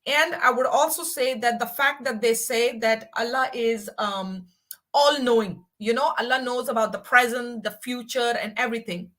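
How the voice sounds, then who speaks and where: A woman's voice: on the high side, moderate pace, a bit bright. A woman in her forties talking passionately on a livestream, emphatic and repeating herself for weight. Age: 40s. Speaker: livestream guest. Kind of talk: casual livestream chat.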